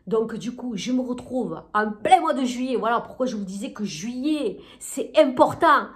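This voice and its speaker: A woman's voice: fairly high pitch, lively intonation, moderate pace. A woman telling a comic story, chatty and full of fillers, who laughs at her own jokes. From Arles, southern France. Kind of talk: comic monologue told to an audience.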